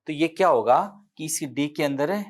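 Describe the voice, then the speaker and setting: A man with a slightly high voice and a Rajasthani accent teaches an exam-prep chemistry lecture at normal speed. Writing on the board, he explains step by step, counts aloud, and corrects himself as he goes.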